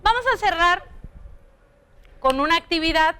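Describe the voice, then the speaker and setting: A young woman teaching a primary school lesson on television, patient and slow, stretching out example sentences to show how they sound. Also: very high voice, expressive, bright, forceful tone.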